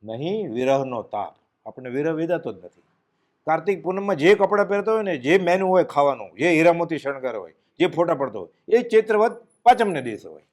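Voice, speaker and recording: A man giving a devotional discourse, telling stories and dropping his voice low and quiet at solemn moments. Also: sing-song, fairly quick. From Gujarat, India. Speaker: spiritual speaker giving a discourse.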